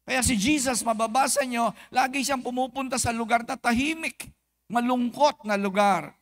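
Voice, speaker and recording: A man with a Filipino accent, a pastor preaching an animated sermon at a church service and acting out quick comic exchanges. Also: very high-pitched.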